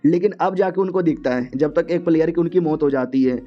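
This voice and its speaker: A man's voice: a little high, fairly quick, dull audio. A man narrating a story recap in a casual, chatty way, mixing in English words.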